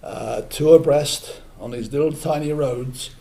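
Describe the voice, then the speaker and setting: An older Englishman with a mellow, dark voice tells a personal story to a live audience. He talks haltingly, with many fillers and chatty asides. It sounds like a small museum event room. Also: on the high side, gravelly, a little hiss or hum. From England.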